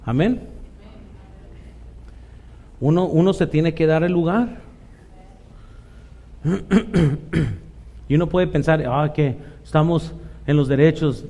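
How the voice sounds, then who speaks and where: A man's voice: fairly high pitch, mellow. A middle-aged man with a Mexican Spanish accent preaching a conversational sermon as pastor, often tossing in "¿verdad?" asides and acting out the voices he quotes.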